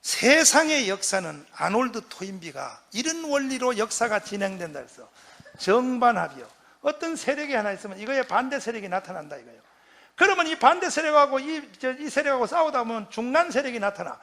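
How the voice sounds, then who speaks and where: A man, a pastor, giving a fiery patriotic lecture, shouting and leading the crowd in chanted responses. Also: extremely high pitch, big pitch swings, fairly quick, creaky. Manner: acts out quoted voices.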